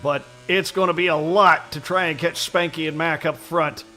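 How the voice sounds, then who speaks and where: Excitable high-voiced male race commentator. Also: a little hiss or hum. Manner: excitable, quick to exclaim at incidents. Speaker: play-by-play commentator. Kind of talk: sim racing commentary.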